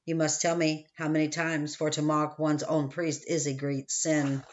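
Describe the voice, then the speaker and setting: A woman's voice: deep voice, flat delivery, normal speed, natural voice. Haughty stern priest grilling a kid, read by a woman, a bit dull lo-fi sound. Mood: haughty, pressing. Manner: haughty, pressing questions.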